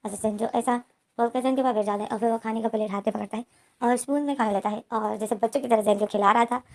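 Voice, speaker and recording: A woman's voice: on the high side, fairly even intonation, fast talker. A woman retelling a fanfiction story in a plain, casual way, with many repeats and restarts. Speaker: fanfiction explainer. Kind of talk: storytelling narration.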